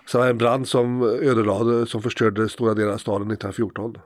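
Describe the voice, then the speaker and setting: A man's voice: mid-range voice, level tone, no echo. A man from Sweden hosting a casual podcast chat about places, talking in a hesitant way with frequent fillers and restarts. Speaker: podcast host.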